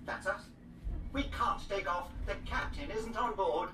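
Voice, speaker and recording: A prim humanoid android, too smooth and precise, high voice, heard from afar in an echoey ride cabin. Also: male voice, unhurried, distant mic, background noise. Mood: fretful. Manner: fussy and formal. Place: theme park ride cabin. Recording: echoey ride audio from afar over loud music.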